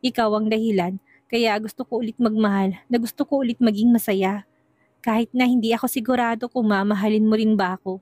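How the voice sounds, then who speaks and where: A woman voicing a gentle, earnest young man who is in love, in a storybook reading. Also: a little high, steady tone, fairly quick, dry recording, lightly acted. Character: tender lovesick young man. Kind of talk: storybook narration.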